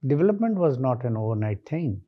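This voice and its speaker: A man with an Indian accent questioning as an interview panellist in a deliberate, wry, correcting way. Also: medium pitch, sing-song, muffled recording.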